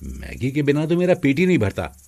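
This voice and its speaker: Man voicing bullying older brother, rough-edged voice, mid pitch, commanding, scolding, animated story style. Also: fairly quick, heavily acted. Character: arrogant, bullying elder brother. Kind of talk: animated moral story acting.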